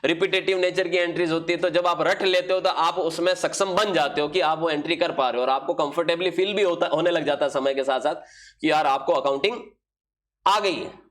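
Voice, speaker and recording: A man's voice: a little high, a little fast, fairly bright tone. A man teaching accounting in a classroom lecture, posing questions and answering them himself while writing out examples. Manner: asks questions and answers them himself, mixing Hindi and English terms.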